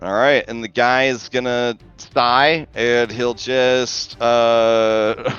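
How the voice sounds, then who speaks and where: A man narrates a tabletop game casually as its game master. His voice is mid-pitched and very clear. The sound is slightly muffled, with music playing behind him. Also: steady tone, extremely slow, a bit bright.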